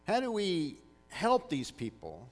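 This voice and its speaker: A man's voice: high-pitched, wildly swooping pitch, takes it slowly, big-room sound. A man preaching a sermon as pastor, earnest and repeating key phrases for emphasis.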